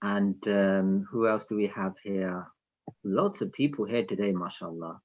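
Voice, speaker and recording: Over slightly dull lo-fi video call audio, a man with a lowish voice speaks a little slowly. He's informally hosting an online children's session, addressing attendees directly with instructions and questions.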